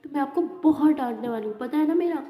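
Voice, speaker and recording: A woman's voice: high voice, fast, warm tone, lightly acted. A woman voicing a playful, caring young college woman who teases and scolds affectionately. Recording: echoey room, dull lo-fi sound.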